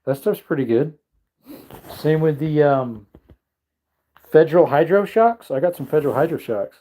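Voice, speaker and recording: A man in his thirties hosts a casual livestream from his home man cave, rambling and reading out viewer comments. His voice is animated and warm at a normal speed, and he slips into high baby-talk when calling his dog.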